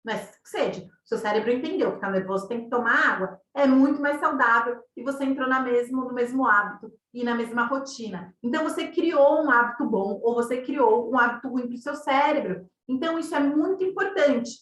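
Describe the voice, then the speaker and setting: A woman's voice: high voice, brisk, few pauses, a bit bright. A woman with a Brazilian Portuguese accent gives a casual, conversational masterclass as a running coach, often tagging her sentences with questions to the listeners. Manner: conversational, tags sentences with questions, acts out quoted thoughts. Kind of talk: online masterclass talk. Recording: roomy echo, distant from mic.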